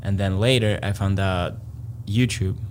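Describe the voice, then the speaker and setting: A low-voiced man with a Latvian accent answers questions in modest, halting English. A faint hum sits beneath his voice. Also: fairly even intonation. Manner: halting non-native English, modest and soft-spoken. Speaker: free runner, guest. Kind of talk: casual interview chat.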